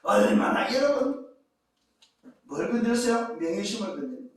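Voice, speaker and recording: A man's voice: high voice, expressive, moderate pace. A man preaching a sermon as pastor, emphatic, firing rhetorical questions at the congregation. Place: church sanctuary. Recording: echoey church hall from far off.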